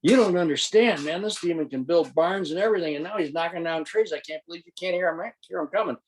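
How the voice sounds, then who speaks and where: A man's voice: on the high side, fast, slight background noise, pitched above the performer's own voice, natural voice. A man voicing a frightened man who frantically begs for help, raising his voice well above his own. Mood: panicked pleading. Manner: frantic, pleading.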